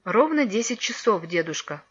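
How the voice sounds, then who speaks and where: A woman voicing a cheerful, curious young girl in a storybook reading, with a lively, eager manner. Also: mid-range voice, normal speed, husky. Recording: dull lo-fi recording.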